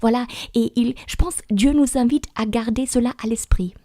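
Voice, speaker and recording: A woman's voice: a little high, normal speed, warm tone, no room sound, studio quality. A woman on a Bible study panel, speaking reflectively and often adding small tag words as she talks. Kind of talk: religious panel discussion.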